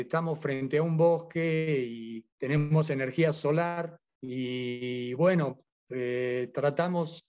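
Man in his seventies, fairly high voice, muffled lo-fi sound, halting with fillers. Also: darkish tone. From Argentina. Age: 70s. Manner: hesitant, many fillers and restarts. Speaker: interview guest, Biodanza teacher. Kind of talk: casual interview.

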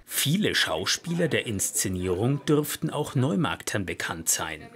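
A man's voice: on the low side, big pitch swings, a little slow, a bit bright. A man reading scripted narration for a television report as a voice-over.

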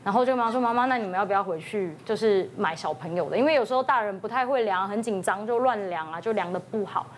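A woman's voice: mid-range voice, slight background noise. A woman doctor on a TV talk show, telling an anecdote and acting out the quoted lines of a worried mother. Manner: retells dialogue, quickly switching into quoted voices. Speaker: emergency room doctor.

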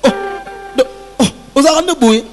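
A man's voice: extremely high pitch, unhurried, a little mellow. A man who is a musician guest, talking earnestly and reflectively in a casual interview, giving advice. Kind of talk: casual interview talk mixing Lingala and French. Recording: long hall reverb with faint music.

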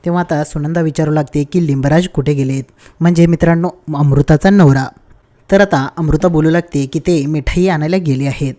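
A man's voice: on the high side, fairly quick, dark tone. A man giving a casual, chatty recap of a TV serial episode, telling the story step by step and often addressing his viewers as friends. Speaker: TV serial reviewer.

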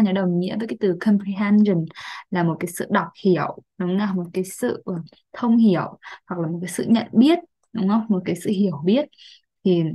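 A woman's voice: medium pitch, mellow. A young adult woman with a Vietnamese accent, teaching English vocabulary and checking in often with tag questions.

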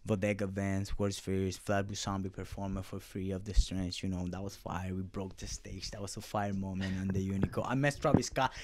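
A man's voice: sits low, fairly even intonation, fairly quick, few pauses, darkish tone, a little hiss or hum. Man, loose profane talk. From Puerto Rico. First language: Spanish. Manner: loose, profane street talk with many fillers. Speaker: clothing brand founder. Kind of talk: casual interview answers.

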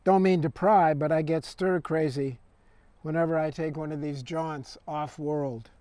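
Restless replicant on an off-world trip read by a man, wry and prying, slow, dry close sound. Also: a little high, fairly even intonation, warm tone, no room sound, lightly acted. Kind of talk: poetry reading.

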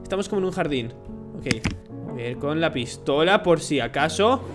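Young man, Spanish accent, horror gaming commentary, jumpy, swearing, lively swooping voice. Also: on the high side, moderate pace. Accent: Spain Spanish. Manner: jumpy, swears and shouts when startled. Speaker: gaming YouTuber. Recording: game music behind voice.

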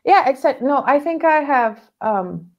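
A woman's voice: sits high, animated, unhurried, lo-fi sound. A woman in her thirties from Venezuela, a guest telling her story in a casual interview over a video call, laughing often. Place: home workroom, indoors. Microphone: headset on a video call.

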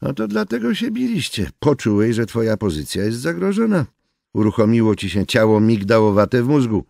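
A man voicing a calm, know-it-all male coworker who explains things in a lecturing way in a storybook reading. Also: mid-range voice, fairly quick, vocal fry, no echo, studio quality.

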